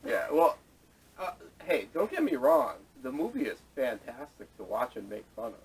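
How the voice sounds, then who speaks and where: A man with a husky voice, vocal fry, and big pitch swings hosts a casual group chat about movies and games, speaking at a normal speed and leading the topics. He is recorded poorly by a camera microphone at a distance, so the audio is noisy and rumbling.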